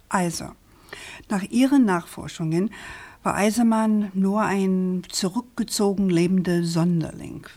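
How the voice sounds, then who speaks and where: In a naturalistic radio crime drama, an actress with a fairly low, darkish female voice plays a persistent, probing investigative journalist. She asks her questions insistently and deliberately.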